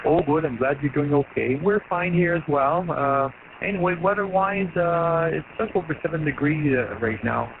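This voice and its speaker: A man checking into a ham radio net, chatting casually with many filler pauses. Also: a little high. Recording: tinny radio audio with loud static.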